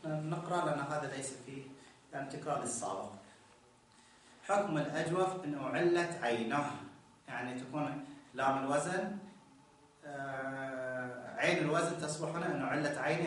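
A man's voice: mid-range voice, normal speed, long pauses, a bit bright, far from the mic, a little hiss or hum. A male grammar teacher, explaining a text to a class and repeating key phrases so students notice them. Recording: very echoey room, voice from off-mic.

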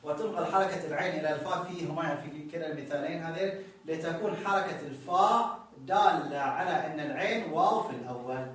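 A man's voice: fairly high pitch, fast talker, fairly bright tone, distant mic. A male grammar teacher, explaining a text to a class and repeating key phrases so students notice them. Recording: very echoey room, voice from off-mic.

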